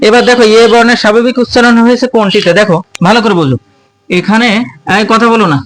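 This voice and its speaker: A man's voice: very high voice, fast talker, fairly bright tone. A male teacher giving an informal grammar lesson to students. He asks questions, answers them himself and keeps repeating the key terms. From Bangladesh. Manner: colloquial, informal address to students.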